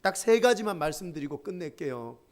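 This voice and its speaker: A man's voice: fairly high pitch, a little fast. A middle-aged man preaching a sermon to a young adults group as their pastor, leading the congregation in call-and-response reading and acting out scenes from his own life. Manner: expressive preacher who acts out his own anger.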